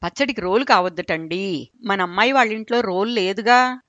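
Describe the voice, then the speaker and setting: A woman voicing an elderly wife who answers her husband back in a drawn-out, complaining tone. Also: mid-range voice, fairly bright tone, dry recording, highs cut off, close to an everyday voice. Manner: drawn-out, drawling. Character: drawling old wife who talks back.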